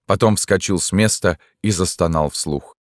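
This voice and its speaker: A man reading a story aloud in a steady, even-paced audiobook narration. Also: deep voice, moderate pace, no room sound, clean studio sound.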